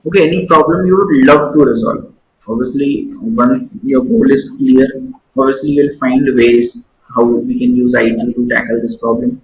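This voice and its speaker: Acting as a job interviewer, a man with an Indian accent asks probing questions and explains them with examples. He speaks in a mid-range voice at a moderate pace, and the room is echoey with faint noise.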